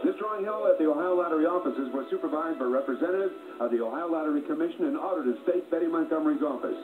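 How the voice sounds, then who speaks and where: Brisk male TV announcer over music. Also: fairly high pitch. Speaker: show announcer. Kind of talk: scripted TV announcing of name lists. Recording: tinny, echoey TV sound, music behind.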